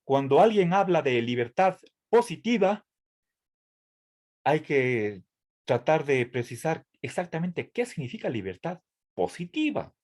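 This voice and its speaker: Slow, hesitant male lecturer. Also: a little high, very animated, a little mellow. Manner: hesitant, with many fillers and restarts, asks "¿sí?" often; careful, measured explanation. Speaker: university lecturer. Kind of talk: online tutoring lecture.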